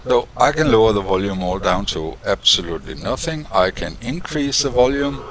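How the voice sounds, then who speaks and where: Over some background noise, an electronics tutorial host speaks at normal speed in a fairly low, animated voice. He thinks aloud as he works, frequently saying "uh" and starting over, with a desk mic being switched on and off.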